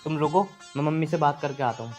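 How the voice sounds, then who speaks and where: A man's voice: a little high, fast talker, a little mellow, soft background music, lightly acted. An actor playing a young husband caught between his wife and his mother, insistent and protective. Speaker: husband and son. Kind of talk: rural comedy drama acting.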